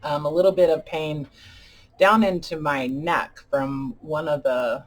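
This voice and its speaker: Woman doing a casual craft vlog, slow and halting, sounds a bit like a mouth full of peanut butter from new dentures. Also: low-pitched, steady tone. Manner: halting, deliberate, pausing often. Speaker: craft video host. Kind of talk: casual chat tutorial.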